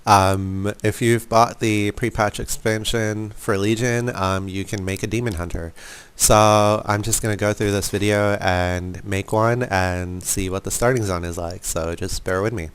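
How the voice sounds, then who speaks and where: A man gives laid-back walkthrough commentary on a video game as a gaming creator, informal and a bit apologetic and self-deprecating. His smooth, lowish voice moves at a measured pace with fairly even intonation.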